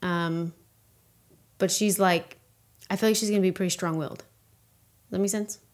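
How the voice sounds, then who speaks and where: A woman's voice: lowish voice, fairly even intonation, normal speed. A young woman chatting casually with her partner, answering viewer questions as a new mother and finishing his sentences.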